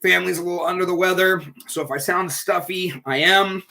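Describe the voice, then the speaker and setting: A congested-sounding man leads a recovery group and chats through a livestream from indoors at home, rambling in an upbeat way. His high voice is gravelly, pushed and bright, a little fast, with fairly even intonation.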